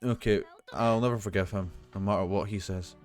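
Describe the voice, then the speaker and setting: Low-voiced man streaming a horror game. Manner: swears freely, reads text in a slow monotone. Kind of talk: casual gameplay chat, reading game text aloud. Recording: dull lo-fi stream audio with faint game music.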